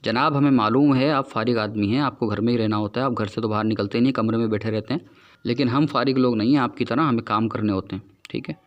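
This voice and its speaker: Guy doing a formal scolding commentary, mid pitch, steady and serious. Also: dull audio. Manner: formal, admonishing, addresses the other man directly. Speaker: narrator of a rebuttal video. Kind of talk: scripted commentary and rebuttal.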